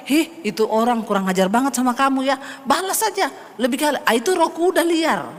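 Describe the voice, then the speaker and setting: A woman's voice: high voice, a bit bright, in a large hall. A woman pastor preaching a sermon, calling the congregation "brothers and sisters" and acting out inner voices. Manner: addresses congregation as "saudara", acts out inner voices.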